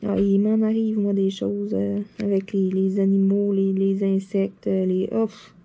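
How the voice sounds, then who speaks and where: A woman with a Québécois French accent, seated at her desk, telling anecdotes to her viewers in a chatty, animated way, full of fillers and laughter. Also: mid-range voice, a little slow, creaky, husky, dull audio. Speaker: vlogger. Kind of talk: casual anecdote storytelling to viewers.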